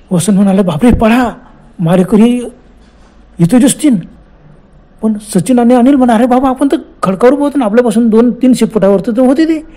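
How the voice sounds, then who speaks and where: Animated man telling a horror story. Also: sits high. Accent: Marathi. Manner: animated, exclaiming and acting out dialogue. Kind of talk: dramatic horror story narration.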